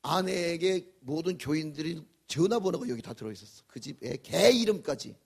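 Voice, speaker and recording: An older man preaching a revival sermon as pastor, folksy and joking, swinging from loud to whispered. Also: a little high, lively intonation, normal speed, creaky, breathy edge.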